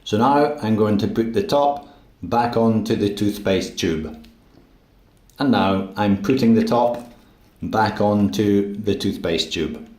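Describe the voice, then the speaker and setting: A man teaching English, slowly narrating everyday actions in a clear, deliberate way. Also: on the low side, darkish tone, echoey room. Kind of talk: slow, simple narration of daily actions.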